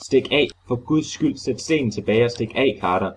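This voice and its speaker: A man's voice: on the low side, a little mellow, a little hiss or hum, close to an everyday voice. A man voicing a terrified man trapped in a crypt who frantically pleads with his friend to flee, talking with breathless urgency. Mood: frantic.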